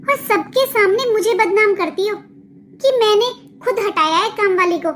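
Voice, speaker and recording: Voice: extremely high pitch, moderate pace, a bit bright, slight background noise. A voice actor playing a young village daughter-in-law in a cartoon, complaining and defiant. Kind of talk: cartoon dubbing.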